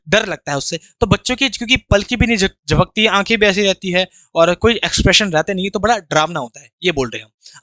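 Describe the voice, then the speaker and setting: Here a man teaches exam grammar as an English teacher, pronouncing each English sentence one word at a time and then unpacking it at a slow pace. The voice is high, pushed and bright, with no room sound in the recording.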